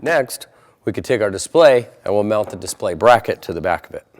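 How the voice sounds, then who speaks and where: With a little hiss or hum in the recording, a man presents an installation tutorial, explaining steps one after another in a plainspoken, methodical way. His lowish voice is expressive and fairly quick.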